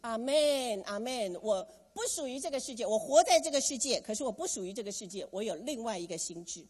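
Female preacher, animated and questioning, a touch breathy, recorded in a reverberant church hall. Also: fairly high pitch, brisk. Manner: animated, asks the congregation questions and has them repeat phrases. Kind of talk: sermon.

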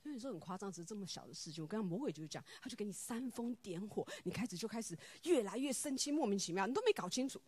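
Woman devotional speaker, animated storyteller who acts out dialogue, dry close sound. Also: mid-range voice, very fast, few pauses, husky, no echo. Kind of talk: personal devotional talk.

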